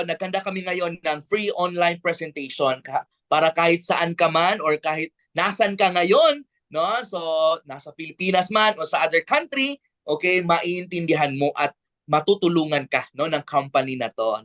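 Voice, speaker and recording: High-voiced Filipino man pitching eagerly. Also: normal speed. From Bukidnon, Philippines. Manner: peppers lines with tag questions; energetic, persuasive. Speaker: presenter. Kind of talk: online sales presentation.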